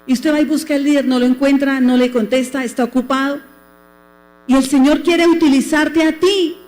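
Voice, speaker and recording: A woman's voice: high-pitched, steady tone, normal speed, a little mellow, long reverb tail, faint music behind. A Colombian woman pastor preaching a sermon, asking the congregation questions and acting out quotes. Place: church.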